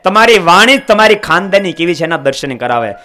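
A man preaching a sermon, scolding his listeners with passion and swinging from loud outbursts to hushed asides. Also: sits high, very animated, fairly quick.

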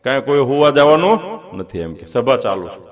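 A man's voice: medium pitch, big pitch swings, brisk, a crowd in the background. A man preaching a sermon, telling a devotional story dramatically and voicing the people in it. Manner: dramatic, voices characters in the story. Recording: clear music behind.

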